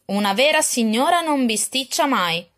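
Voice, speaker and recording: A woman's voice: a little high, expressive, normal speed, fairly bright tone, voice pushed up. Brief: stern middle-aged stepmother done by a woman, commanding tone.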